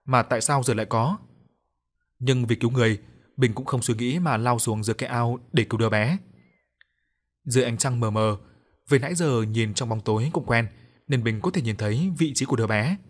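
A man reading a ghost story aloud in steady, measured scripted narration. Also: medium pitch.

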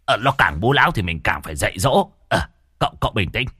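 A man voicing an older male sorcerer's helper who speaks low and hesitantly, calming things with fillers. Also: fast, husky, no echo, heavily acted. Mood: soothing.

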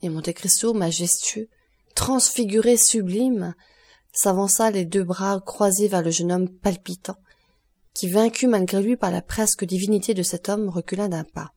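A woman narrating an audiobook of a classic novel with a clear, expressive reading. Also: medium pitch, moderate pace. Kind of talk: scripted narration.

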